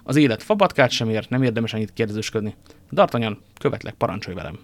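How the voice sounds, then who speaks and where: A man voicing a weary, fatalistic noble male musketeer in a storybook reading, steady and resigned. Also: on the low side, dry recording. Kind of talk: audiobook character reading.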